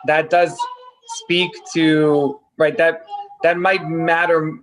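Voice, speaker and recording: A man's voice: fairly high pitch, level tone, slow pace, a bit bright. Hesitant male rabbi hosting. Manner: hesitant, many fillers. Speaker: rabbi, host. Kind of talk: online congregation discussion.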